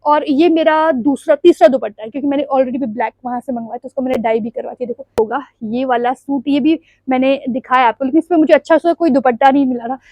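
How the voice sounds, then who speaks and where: A woman's voice: high-pitched, fast, few pauses, darkish tone, dry recording, poor audio. A young woman vlogging at home, talking in a rambling, confiding way and laughing often as she chats. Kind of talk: casual chatty vlog. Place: at home, standing before the camera.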